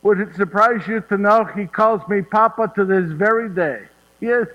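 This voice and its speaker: In a one-man stage monologue, a man plays Joseph of Nazareth as a warm old, chatty storyteller who tells his tales fondly. His high-pitched, natural voice moves at normal speed, folksy and laughing, often asking "yes?" The audio is dull and carries hall reverb.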